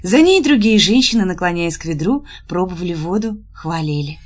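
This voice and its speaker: A woman narrating an audiobook with an expressive storytelling delivery. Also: on the low side, normal speed. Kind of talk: scripted narration.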